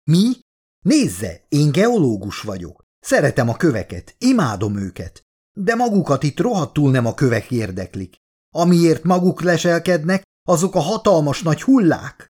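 A man's voice: animated, hardly any pauses, lightly acted. A man voicing an angry, jittery male geologist, ranting in a raised, strained voice. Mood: angry, agitated. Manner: agitated ranting, higher strained voice. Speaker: audiobook narrator voicing a character.

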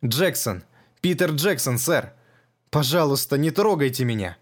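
A man voicing a frail, terrified old man who pleads and shouts in panic. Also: mid-range voice, lively intonation, a little slow. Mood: frightened.

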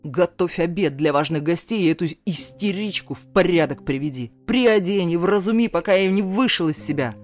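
A woman's voice: low voice, darkish tone, soft background music. Woman voicing a snarling, furious stepfather. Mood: barking. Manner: snarling, barking orders, slowed hissing. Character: furious abusive middle-aged stepfather, male.

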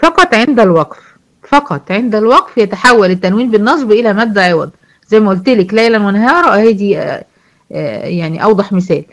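Egyptian woman, tajweed teacher, asks questions and answers them herself, recites examples slowly. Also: medium pitch, animated. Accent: Egyptian Arabic. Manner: explains rules, then recites verses slowly.

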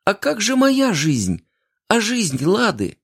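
A man voicing a heartbroken young woman who pleads tearfully and breaks into shrill outbursts. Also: lively intonation, moderate pace, gravelly. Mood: desperate.

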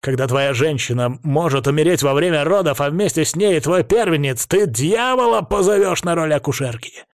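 A man voicing an enraged older male crime-family head who barks his lines and turns shrill when he yells. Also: a little fast, hardly any pauses, no echo, clean studio sound, close to an everyday voice. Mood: furious. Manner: barking, shrill when yelling.

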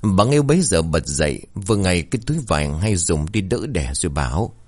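A man's voice: low voice, sing-song, brisk, darkish tone, dry recording, clean studio sound. A male storyteller narrating a village ghost tale in a dramatic, suspenseful way. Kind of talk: scripted horror story narration.

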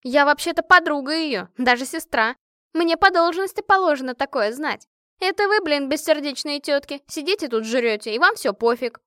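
A woman voicing a brash, hot-tempered young woman who talks loudly and indignantly with rough slang. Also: high-pitched, animated, normal speed, dry recording, studio quality, pitched above the performer's own voice.

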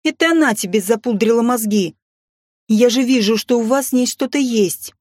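A man's voice: extremely high pitch, normal speed, a little mellow, no echo, studio quality, pitched above the performer's own voice. A man reading an audiobook voices a brazen, scheming young mother with a sly, mocking, venomous manner.

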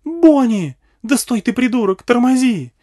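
A man's voice: on the high side, very animated, slow pace, dark tone, husky, pitched above the performer's own voice, full character voice. A man reading an audiobook voices a hysterical, jealous, foul-mouthed woman from the wasteland who shrieks in panic and fury. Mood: frantic.

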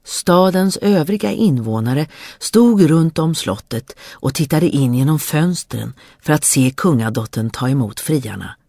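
A storyteller reading a fairy tale aloud in a lively, expressive way. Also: mid-range voice, creaky, few pauses, dry recording, clean studio sound.

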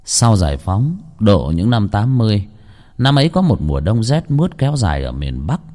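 A man narrating a village ghost story in a hushed, suspenseful storytelling manner. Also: lowish voice, sing-song, normal speed.

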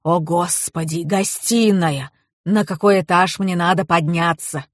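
A woman voicing a fussy, exasperated portly male police colonel in an audiobook, talking down slowly and emphatically. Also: fairly low pitch, no echo, clean studio sound. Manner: grumbling, condescending, slow and emphatic. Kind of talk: audiobook character reading.

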